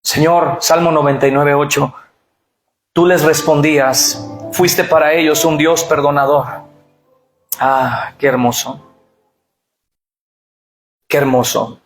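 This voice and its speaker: The church hall echoes, with music in the background, as a middle-aged pastor preaches slowly and pauses often. His fairly high voice stays fairly even in intonation while he calls on the congregation to repeat phrases aloud.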